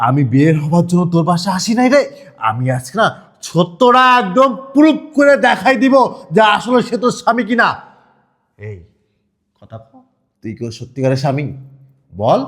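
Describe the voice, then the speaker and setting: A man playing a furious, taunting husband in a melodramatic short film, his voice pitched very high and swinging widely as he shouts and goads. He barks repeated short interjections between threats. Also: very animated, moderate pace, pauses often. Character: angry man posing as sweeper, the returned husband.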